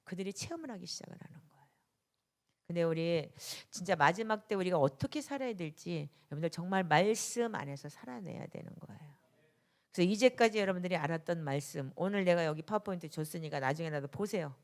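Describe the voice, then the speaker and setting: Animated woman pastor preaching. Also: on the low side, fast. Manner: swings between loud emphatic bursts and soft hushed asides; acts out quoted dialogue in anecdotes. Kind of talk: sermon.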